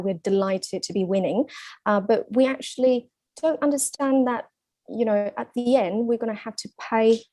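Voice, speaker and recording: Mellow-voiced woman interpreting with many fillers. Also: mid-range voice, dry recording. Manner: halting, many fillers and restarts. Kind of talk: spoken interpretation into English.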